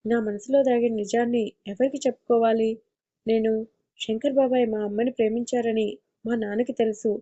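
A grieving young woman pleads through tears in a storybook audio tale, as a female narrator reads her lines. The voice is fairly high but mellow and dark in tone. The audio is dull and lo-fi. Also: fairly even intonation, fairly quick, lightly acted. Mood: tearful. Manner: pleading, tearful questions.

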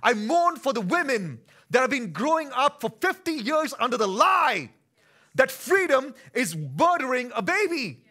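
This is a pastor in his thirties from India, his Indian accent carrying through a sermon given from a church stage. He moves from conversational ease to emphatic, forceful passages, his very high-pitched voice swinging widely in pitch at an unhurried pace.

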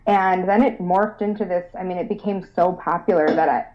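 Young woman, from Rochester, bubbly, eager guest, lower voice, dull lo-fi recording. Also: fairly even intonation, brisk. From Rochester, New York. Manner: bubbly, eager, laughs often. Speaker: guest designer. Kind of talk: casual interview. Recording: dull lo-fi sound.

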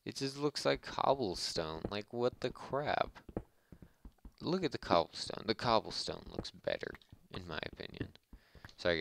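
A man's voice: low-pitched, gravelly, fairly bright tone, slight background noise. A man giving casual, rambling gameplay commentary with a harsh voice, joking and chatting with his viewers. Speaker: let's play host.

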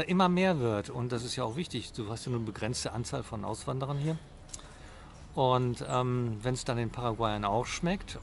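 An older man vlogging casually from a restaurant patio into an arm's-length camera, rambling with many fillers. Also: medium pitch. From Germany. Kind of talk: casual vlog chat. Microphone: action camera at arm's length. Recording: noisy outdoor ambience.

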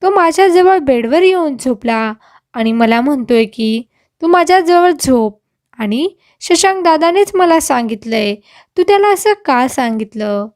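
A woman's voice: high voice, lively intonation, measured pace, darkish tone, dry recording, clean studio sound. A woman voicing a young bride who speaks sharply and indignantly. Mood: angry. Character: young bride, angry and bewildered.

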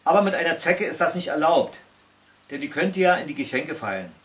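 A man's voice: on the high side, a little fast. A man voicing a spirited, mocking female reindeer in a storybook reading. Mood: chatty. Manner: mocking, lively.

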